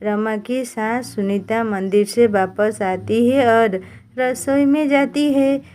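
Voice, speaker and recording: Slow, mellow woman narrating a story. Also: a little high, poor audio.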